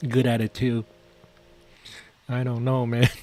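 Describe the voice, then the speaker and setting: Hosting a live trading stream, a day trader offers casual, jokey commentary full of repeated phrases. He speaks slowly in a monotone, with a medium-pitched voice and a dark tone.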